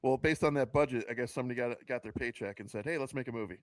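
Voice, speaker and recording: A man's voice: mid-range voice, very fast, dry recording. A man co-hosting a casual movie podcast, sarcastic and exasperated, swearing freely, on a close, dry mic. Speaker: podcast co-host.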